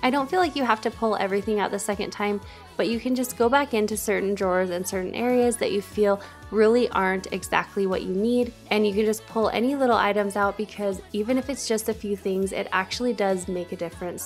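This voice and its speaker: A young woman narrates her home decluttering vlog in a casual voice-over. She sounds chatty and encouraging, often doubling words for emphasis. Her voice sits at a middle pitch, and soft background music plays underneath. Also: fairly even intonation, fast. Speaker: home cleaning vlogger.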